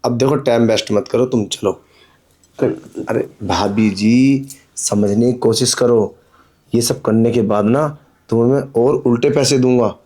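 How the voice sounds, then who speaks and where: A pushy, scheming landlord, played by a man, with a mellow, darkish voice at an ordinary pitch. He presses and brushes off every worry with impatience. He comes from a homemade drama skit. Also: a little slow, close to an everyday voice. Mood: impatient. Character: pushy, scheming middle-aged male landlord. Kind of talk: amateur Hindi drama skit.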